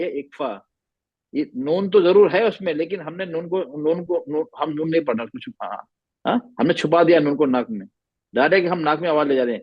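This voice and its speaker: A man teaching Quran recitation, patiently repeating sounds slowly to demonstrate. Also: a little high, no echo, lo-fi sound. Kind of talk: online class instruction.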